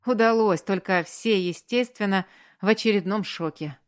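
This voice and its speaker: A woman's voice: medium pitch, moderate pace, no echo, voice pushed up, close to an everyday voice. A dry, loyal male assistant reports back with a wry smirk, as a female narrator reads him. His lines sit close to the narrator's own voice in the audiobook.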